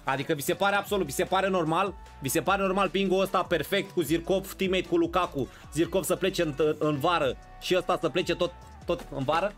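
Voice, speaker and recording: A man's voice: high voice, fairly bright tone, soft background music. A man streaming a football video game live, bantering with his chat and playing up mock outrage. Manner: banters and greets viewers in chat.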